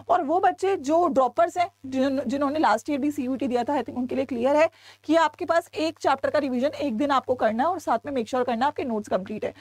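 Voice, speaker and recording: A young woman teacher with an Indian accent talks to her students in a high, bright voice, coaxing them along and dropping in English phrases. The sound is close and dry. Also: no room sound. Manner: chatty, coaxing, mixes in English. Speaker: online exam-prep teacher. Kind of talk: lecture to students.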